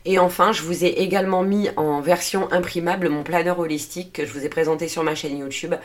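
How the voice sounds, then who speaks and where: A woman with a notably low-pitched voice talks alone into the mic for her podcast. She explains steadily and earnestly, pausing on fillers and correcting herself mid-word. Her throat sounds a little dry. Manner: earnest, steady delivery with frequent "euh" fillers and self-corrections. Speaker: podcast host and naturopathy coach. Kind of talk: solo podcast explainer, partly read.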